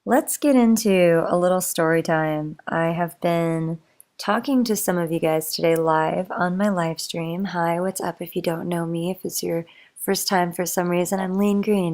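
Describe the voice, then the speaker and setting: A woman's voice: fairly low pitch, steady tone, normal speed, a little mellow. A young woman rambling in a chatty, meandering way for a sleep-aid monologue, full of motivational musings and fillers. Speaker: bedtime talk creator.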